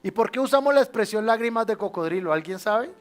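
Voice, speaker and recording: A male pastor with a Colombian Spanish accent delivers a sermon in a notably high voice. He shifts from ringing exclamations down to near-hushed asides and calls on the congregation to repeat phrases. Faint instrumental music plays softly behind him. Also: expressive, fast. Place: church sanctuary.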